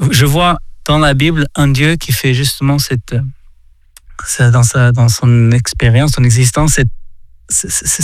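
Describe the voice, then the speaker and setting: A man from Portugal giving a reflective faith talk, halting often and repeating words as he searches for them. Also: medium pitch, no echo. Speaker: speaker sharing a reflection.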